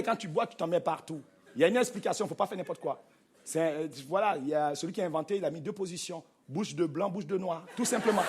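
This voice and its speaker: A man with a very high voice performs stand-up on a theater stage, animated and playful. He jokes with the crowd and drops into mock accents. It is a live recording, with audience laughter and a steady background noise under his voice. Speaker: stand-up comedian. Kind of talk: stand-up comedy routine.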